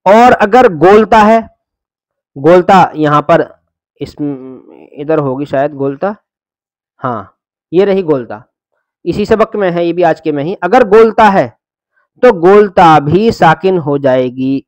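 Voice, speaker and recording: Male Quran reading teacher, high voice, dry close recording, spells syllables slowly and carefully. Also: expressive, a little mellow, dry recording. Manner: patient explaining, drawn-out syllable drills.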